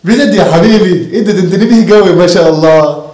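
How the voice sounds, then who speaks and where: A man's voice: high voice, rapid-fire, close to an everyday voice. A man with an Egyptian accent playing a stingy, mocking father who teases his son in a home comedy sketch. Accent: Egyptian Arabic. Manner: sarcastic, teasing, lively sing-song. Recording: echoey room.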